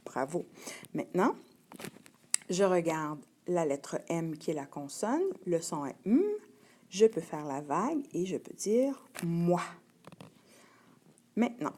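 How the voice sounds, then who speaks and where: A woman teaching a young child to read, sounding out letters and syllables slowly and clearly. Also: sits low, dark tone, slight background noise. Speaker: primary school teacher. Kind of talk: slow patient reading lesson.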